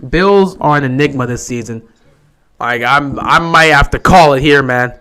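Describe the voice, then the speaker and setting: A young livestream host with a sore, hoarse, mid-range voice and a sharp tone gives casual live commentary on a football game he's streaming. He speaks at normal speed and sounds resigned and frustrated.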